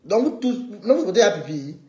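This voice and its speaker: A man's voice: high voice, very animated, brisk, a little mellow, echoey room. Combative man ranting on a live stream. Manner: combative, needling, addresses viewers directly. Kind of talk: live-stream rant to viewers.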